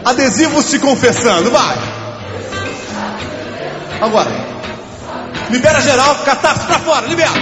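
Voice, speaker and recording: A man's voice: very high-pitched, measured pace, long pauses. Male stage comedian, bossy crowd-coaxing, long hall reverb, music behind. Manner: animated, bossy coaxing of the crowd, bursts into shouting. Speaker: comedian leading an audience sing-along. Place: theater stage before a live audience. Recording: echoey live hall with music.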